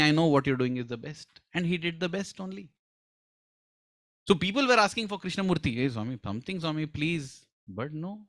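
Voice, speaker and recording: A man delivers a devotional talk in a somewhat high voice, retelling a story and voicing each character's lines. The sound is close and dry, with no room around it. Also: a bit bright, no echo. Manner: acts out quoted lines, chuckles, asks listeners "huh?". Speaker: spiritual speaker.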